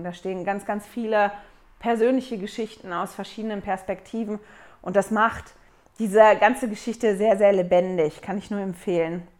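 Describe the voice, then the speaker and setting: A woman giving a casual scripture study talk, retelling church history in a chatty way with fillers and her own paraphrases. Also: mid-range voice.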